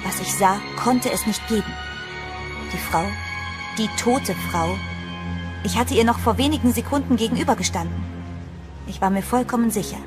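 Playing an anxious woman, an actress tells her own horror story in a scripted first-person narration for a German horror audio drama, styled as a dramatic, suspenseful radio play. Her voice sits fairly high at a normal speed, lightly acted, with long pauses. Prominent music plays behind the tense, suspenseful mood.

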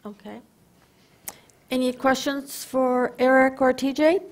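A woman with an Upper Midwest American accent chairing a city council meeting in a brisk, procedural way. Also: high-pitched, little pitch movement.

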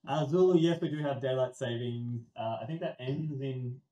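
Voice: medium pitch, normal speed, mellow, dull audio. Giggly game-night stream host, echoey room. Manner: chatty, laughs often, hesitant fillers.

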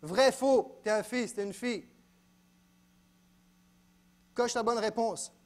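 A man preaching a sermon in a church, dropping to quiet asides and then rising to loud exclaims. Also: extremely high pitch, slow. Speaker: pastor.

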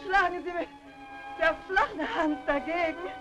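A frightened middle-aged lady trapped in a vintage dubbed thriller. Her voice sits high and comes out wheezy and short of breath. Faint music lies behind her. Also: measured pace, dull audio. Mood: desperate, suffocating.

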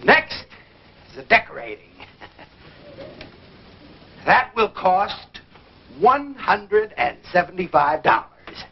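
Glad-handing lodge chairman: American, self-important, high and animated, vintage radio comedy sound. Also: takes it slowly, long pauses, full character voice. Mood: businesslike, proud. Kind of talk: mid-century American radio comedy acting. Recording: dull, faintly noisy vintage radio recording.

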